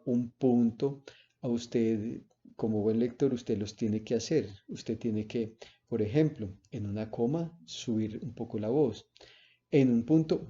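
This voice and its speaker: Male lecturer, very dark warm voice, seminar talk full of "eh" and "¿cierto?", slightly dull recording. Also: mid-range voice. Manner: explains with spoken examples and frequent "¿cierto?" and "eh".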